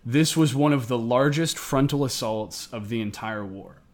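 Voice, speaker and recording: A man narrates history as a podcast co-host. His voice sits at an average pitch, and he follows a semi-scripted account. He is recording indoors, up in the attic of an old house. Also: normal speed. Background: air conditioning may be running.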